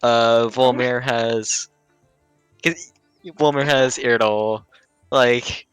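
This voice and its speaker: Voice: medium pitch, fairly even intonation, very slow, clean tone, no room sound, soft background music. A player in a tabletop role-playing game, chatting casually with the others at the game.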